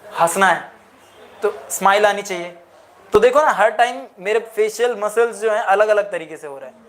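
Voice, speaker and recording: A man's voice: sits high, normal speed, a bit bright. A man teaching a lecture, mixing in English phrases and asking the class questions again and again. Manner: asks the class repeated questions.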